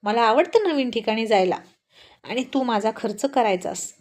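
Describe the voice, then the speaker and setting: Woman doing a snooty rich girl, sharp and bossy, kinda high pitched. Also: expressive, normal speed, close to an everyday voice. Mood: scornful. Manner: sharp, scornful complaining. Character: haughty rich young woman, rude and demanding.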